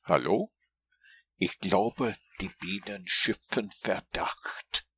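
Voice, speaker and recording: A man voicing a simple, earnest, honey-loving toy bear in a storybook read-aloud, in a slow, plaintive, raised voice. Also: low-pitched, fairly bright tone, husky, no echo, exaggerated voice. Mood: whispering.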